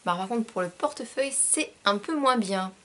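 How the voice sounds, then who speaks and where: A woman's voice: fairly high pitch, lively intonation, normal speed, bright, forceful tone, a little hiss or hum. A young woman presenting a shopping haul vlog, gushing and bubbly, with many fillers. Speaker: vlogger.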